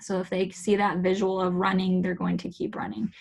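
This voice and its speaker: A woman giving a calm, instructive talk to parents in a virtual workshop, modeling warm phrases to use with children, heard over a video call. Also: on the low side, brisk, vocal fry. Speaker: parenting educator.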